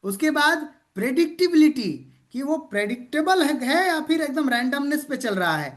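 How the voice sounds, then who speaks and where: A man's voice: extremely high pitch, very animated, normal speed, fairly bright tone. A man leading an interactive online sales training over a video call. He drills the group in call-and-response, teases participants playfully and keeps checking in that everyone is following.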